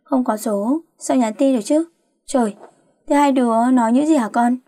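A woman's voice: sits high, moderate pace, dark tone, no echo, studio quality. A woman voicing a middle-aged mother who nags and scolds her grown daughter. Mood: nagging. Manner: nagging, scolding. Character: nagging middle-aged mother, fussy and worried.

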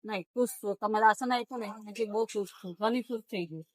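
A woman's voice: medium pitch, fairly quick, no echo. A woman speaking raised and heard from a little distance as she thanks the host and blesses him. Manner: blessing, excited. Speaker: interviewee, recipient of aid. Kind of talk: short thankful remarks.

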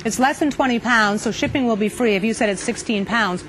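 A woman's voice: a little high, brisk, a bit bright, poor audio. A middle-aged woman selling as an approving, enthusiastic home shopping host. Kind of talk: home shopping sales chat. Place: TV studio kitchen set. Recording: clear background noise, studio ambience.

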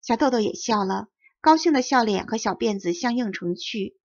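A woman reads a children's storybook aloud with clear, lively storytelling, her voice pitched a little high. The recording is close and dry, with a dull, lo-fi edge. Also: normal speed, no echo. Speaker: audiobook narrator. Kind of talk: storybook narration.

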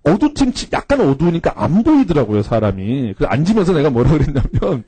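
Lively, husky male cram school lecturer. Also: fairly high pitch, fast, no echo. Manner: animated, slangy, casual storytelling. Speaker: cram school English instructor. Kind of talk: anecdotal classroom storytelling.

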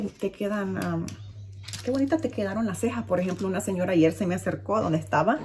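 Mujer nicaragüense de voz cálida y suave. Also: female voice, medium pitch, warm tone. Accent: Nicaraguan Spanish. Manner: chatty, frank, mildly scolding. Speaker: vlogger. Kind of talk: casual chat to camera.

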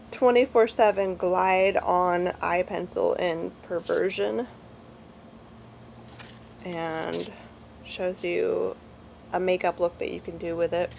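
This beauty vlogger is a woman in her forties whose lowish, creaky, a little mellow voice is congested and slightly nasal from a cold. She chats casually, rambling through a product review with plenty of fillers in a small room at home. Poor audio carries slight background noise.

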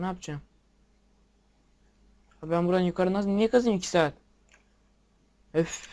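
Excitable young man commenting on a game. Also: sits high. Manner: excitable, swears at the game, talks to viewers. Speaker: gameplay video maker. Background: keyboard and mouse clicks.

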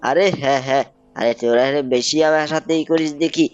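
A young man giving excited gameplay commentary, repeating himself and calling out to viewers. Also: a little high, fairly quick, no echo, lo-fi sound. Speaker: gaming YouTuber.

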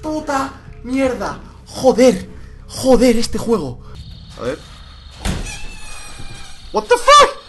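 A man's voice: extremely high pitch, wildly swooping pitch, very slow, long pauses. A young man with a Spain Spanish accent, playing a horror game at home at night, swearing and shrieking as he comments. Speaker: gamer. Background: game music.

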